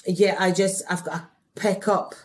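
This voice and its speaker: A Scottish woman in her forties, a native Gaelic speaker, chatting in a relaxed, wry way as a guest. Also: mid-range voice, moderate pace. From Scotland. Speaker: guest, actor. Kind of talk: casual chat. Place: festival venue.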